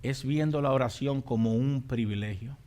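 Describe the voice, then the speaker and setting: A man preaching a sermon as pastor, moving from quiet, measured teaching to shouted, repeated exhortations to the congregation. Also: medium pitch. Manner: repeats phrases for emphasis, calls out to the congregation.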